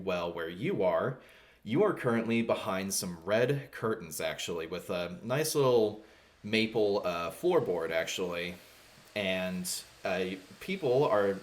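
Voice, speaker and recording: A man running a tabletop game as game master, narrating in a rambling, relaxed way full of fillers. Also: lowish voice.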